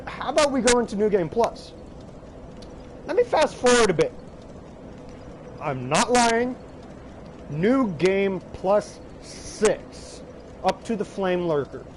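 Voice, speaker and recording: A man casually telling an anecdote about his games, animated, swearing freely and breaking into laughter. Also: high-pitched, a little hiss or hum, low-quality recording. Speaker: gaming storyteller.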